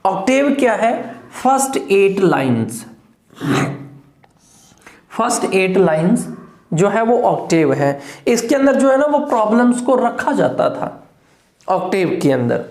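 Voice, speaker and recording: Teaching English literature for exam preparation, a woman lectures in Hindi mixed with English terms, breaking down terms step by step, counting syllables out loud, and repeatedly asking "clear?". Her medium-pitched, slightly mellow voice swings widely in pitch, unhurried with long pauses, in a reverberant space.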